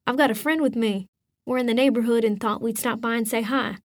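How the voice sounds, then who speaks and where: A woman's voice: on the high side, fairly even intonation, fairly quick, no echo, clean studio sound, close to an everyday voice. A woman reading an audiobook, voicing an easygoing, friendly young man. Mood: casual. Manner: casual, easygoing. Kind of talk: audiobook character voice.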